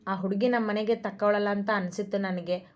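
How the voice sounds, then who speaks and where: A woman's voice: mid-range voice, fairly even intonation, normal speed, natural voice. A woman voicing an elderly grandmother who explains matters in a plain, disapproving way.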